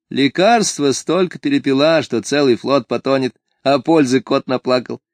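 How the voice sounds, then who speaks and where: A man performs a young woman cook who grumbles about her aches in a plain, folksy way. The voice sits higher than his usual low register. The recording is dry and close. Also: darkish tone, no echo, lightly acted. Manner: plain folksy complaining talk.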